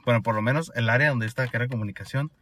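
A man's voice: mid-range voice, very fast, fairly bright tone, slight background noise. A young man from Sonora with a northern Mexican accent, telling a story in casual, slangy chat full of swearing. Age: young adult. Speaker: former exchange student telling his story.

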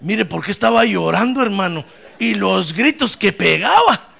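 Male pastor, animated sermon delivery, bright sharp tone, high voice. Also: moderate pace, gravelly. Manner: animated, stretches key words, calls on congregation to repeat.

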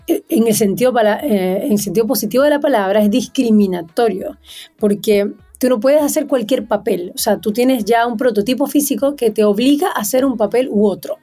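A talkative woman chats casually as an interview guest, spontaneous and quick to laugh. Her voice sits a little high but sounds mellow and warm. Faint music plays behind her. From Chile and Venezuela. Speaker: guest, singer and TV presenter.

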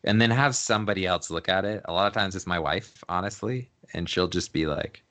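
Brisk and deep-voiced with a slightly bright edge, this man is interviewed as a photographer in a relaxed conversation. He keeps things slangy and easygoing, laughing frequently.

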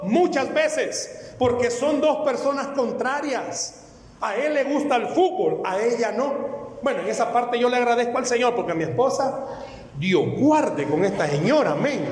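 A high-voiced man preaches to his congregation, animated and joking as he goes. His pitch swings up and down constantly. The sound is echoey with a long hall reverb. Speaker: pastor. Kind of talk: sermon. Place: church hall.

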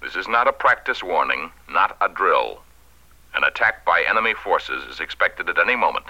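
An actor playing a civil defense announcer giving a grave, urgent, formal emergency broadcast over the radio. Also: male voice, sits low, sing-song, moderate pace, sharp tone, full character voice. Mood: grave urgency. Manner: urgent, formal, authoritative delivery. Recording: dull vintage radio broadcast sound.

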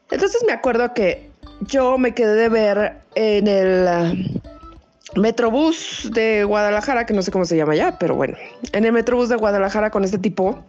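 A woman's voice: a little high, a little mellow, muffled recording. A woman with a Mexico City Spanish accent telling a personal anecdote in a slangy, profane, chatty way. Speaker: storyteller. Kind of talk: casual spoken anecdote.

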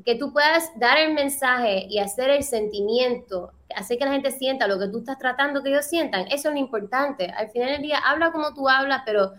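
A woman's voice: sits high, a little fast, few pauses, fairly bright tone. A woman from Rico, a voice actor chatting in an interview, emphatic, repeating key words and slipping into English phrases. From Puerto Rico. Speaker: voice actor guest. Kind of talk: casual interview chat.

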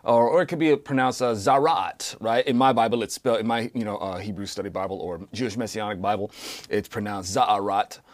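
A man's voice: lowish voice, steady tone, brisk. A man hosting a podcast Bible study, chatting casually and joking, laughing often and using lots of fillers.

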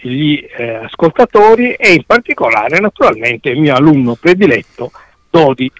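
Animated Sicilian-accented male teacher, higher-pitched. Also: normal speed, no echo. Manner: didactic, repeats examples and rules. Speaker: language teacher. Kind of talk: dialect lesson on radio.

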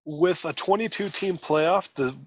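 A man's voice: fairly high pitch, a little slow, husky, dry recording, lo-fi sound. A man joking and swearing in casual sports chat on a podcast. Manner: jokey, swears.

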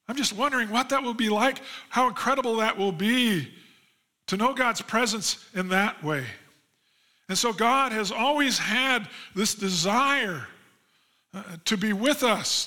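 High, bright-voiced male pastor preaching. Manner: reads scripture passages aloud and then expands on them; earnest, rising emphasis on key promises. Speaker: lead pastor. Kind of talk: sermon.

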